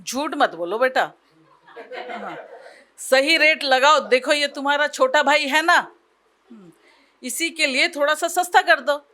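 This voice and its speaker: A woman's voice: sits high, bright, forceful tone, pitched above the performer's own voice. A woman voicing a bossy, fussy middle-aged mother who haggles hard in a storybook tale. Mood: bargaining. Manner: brisk, bargaining, fussy.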